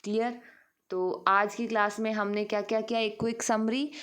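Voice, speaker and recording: A woman's voice: a little high, flat delivery, normal speed, a bit bright, smooth. A woman teacher giving an online English grammar lesson, mixing Hindi and English and checking in with her students with repeated questions. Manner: mixes Hindi and English, calls students "beta".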